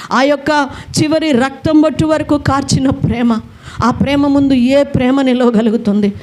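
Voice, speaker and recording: Impassioned woman preacher, high voice. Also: mellow, slight background noise. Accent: Telugu. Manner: impassioned, repeats words, speaks straight to listeners. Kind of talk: sermon. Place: prayer hall.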